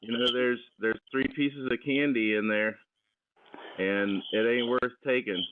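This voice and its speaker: A man's voice: mid-range voice, fairly even intonation, unhurried. A homeowner, a man, talks bluntly through a doorbell camera speaker, warning someone off his porch. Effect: heard through a doorbell camera speaker. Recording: tinny, distant doorbell camera audio with hiss.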